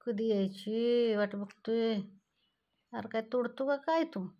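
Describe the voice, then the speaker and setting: A woman's voice: on the high side, little pitch movement, takes it slowly, muffled recording. A woman, scolding and cooing at her cats in a casual home video. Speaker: cat owner vlogger. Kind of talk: casual talk to pet cats.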